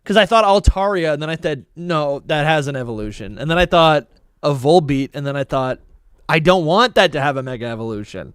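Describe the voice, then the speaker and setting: Excitable man with a lively, clear voice. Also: a little high, fairly quick, dry recording, studio quality. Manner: excitable, thinks aloud with fillers. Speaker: podcast co-host. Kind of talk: casual podcast chat.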